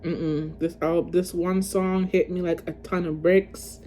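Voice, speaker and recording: Slow-talking chatty woman vlogger. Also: lowish voice, flat delivery, warm tone, slight background noise. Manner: chatty, emotional, addresses viewers as y'all. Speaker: music vlogger ranking albums. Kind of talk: casual chat to camera.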